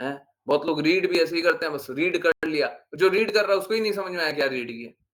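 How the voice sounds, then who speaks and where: Animated spiritual teacher, higher voice. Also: male voice, fast. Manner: animated, rhetorical questions, scolding. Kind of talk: informal devotional talk.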